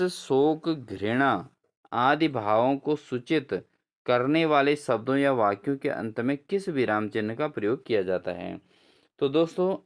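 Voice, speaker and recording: A man with a smooth, medium-pitched voice teaches a grammar lesson for exam prep, walking through quiz answers. He poses his own questions, answers them, and keeps addressing viewers in a friendly way.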